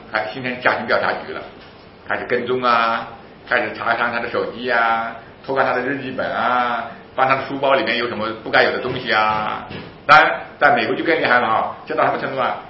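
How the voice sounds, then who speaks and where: A man preaching a sermon in an animated, emphatic way, asking rhetorical questions and answering them himself. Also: medium pitch, slight background noise. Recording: roomy, slightly dull recording.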